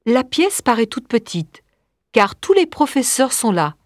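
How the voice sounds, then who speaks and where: Slow, deliberate woman narrator. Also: a little high, sing-song, no echo, studio quality. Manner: slow, clear and deliberate reading. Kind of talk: audiobook reading of a story for learners.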